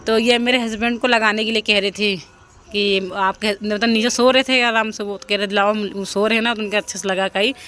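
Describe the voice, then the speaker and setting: Bright-voiced woman narrating her family vlog. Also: mid-range voice, fairly even intonation, a little fast. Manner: chatty, pleads with viewers for comments. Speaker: family vlogger. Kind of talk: casual voice-over narrating home video.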